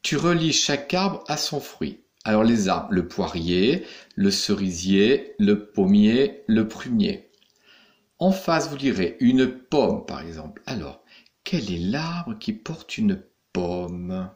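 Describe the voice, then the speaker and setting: A man teaches young children at an unhurried pace and walks through every step with patience. His voice rises and falls in a lively way to keep their attention. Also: on the low side. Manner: slow, patient, spelling out each step. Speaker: primary school teacher. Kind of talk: recorded remote lesson instructions for young pupils.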